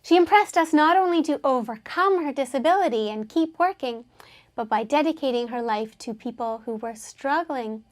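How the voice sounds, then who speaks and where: High-voiced woman teaching English. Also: expressive, moderate pace. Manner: patient, explains words and has learners repeat them. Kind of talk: English lesson explaining a biography.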